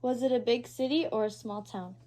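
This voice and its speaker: A woman interviewing her uncle at his house, reading prepared questions in a steady, formal way. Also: fairly high pitch, fairly quick. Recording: poor quality home recording.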